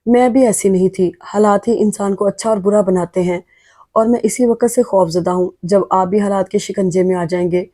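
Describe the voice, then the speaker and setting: A woman's voice: medium pitch, fairly even intonation, moderate pace, warm tone, no room sound, clean studio sound, lightly acted. A woman voicing a wronged young wife in an audio novel who speaks tearfully and insistently.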